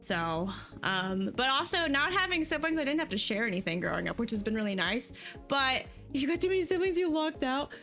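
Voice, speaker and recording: Faint music plays behind this livestreamer from New Jersey, whose high, slightly bright voice swings widely in pitch as she talks briskly. Addressing her stream chat, she goes on in a loose, talkative way, laughing and using plenty of fillers.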